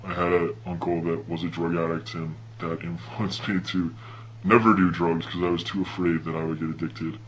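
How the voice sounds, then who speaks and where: A young man from Hawaii telling a personal story in a laid-back, slangy, animated way. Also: low voice, moderate pace, muffled recording. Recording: noticeable hum and background noise.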